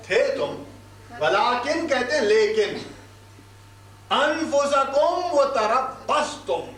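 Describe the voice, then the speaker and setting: Brief: man with a Pakistani Urdu accent and a very high voice, Quran lecturer, recites then explains, recorded from a distance in a hall. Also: a bit bright. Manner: scolding, rhetorical questions. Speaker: Quran teacher. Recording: echoey hall, distant mic, faint hiss.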